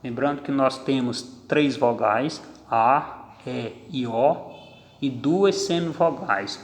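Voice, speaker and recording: In an echoey room with long reverb, a male Portuguese teacher works through grammar step by step. His mid-range voice is slow and deliberate as he spells out each syllable.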